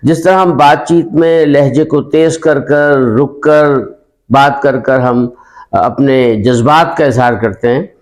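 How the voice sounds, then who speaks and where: A middle-aged man teaching an English grammar lesson, unwell and coughing, explaining slowly with pauses and fillers. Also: medium pitch.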